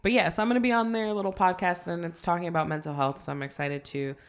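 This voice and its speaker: Woman with a raspy sick voice. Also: fairly low pitch, steady tone, fast talker. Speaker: podcast co-host. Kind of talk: casual podcast chat.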